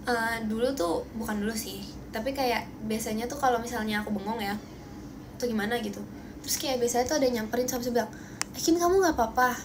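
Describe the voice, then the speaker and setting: A woman's voice: fairly high pitch, steady tone, quick pace, background noise. A young woman with an Indonesian accent chatting casually on a phone livestream, bubbly and playful as she thanks viewers for gifts. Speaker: idol livestream host.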